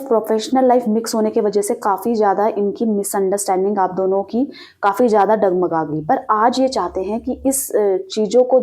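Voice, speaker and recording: A woman's voice: on the high side, a little mellow. A woman giving a tarot reading straight to the listener, explaining at length, asking rhetorical questions and adding frequent fillers. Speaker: tarot reader. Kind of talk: direct-to-camera tarot reading.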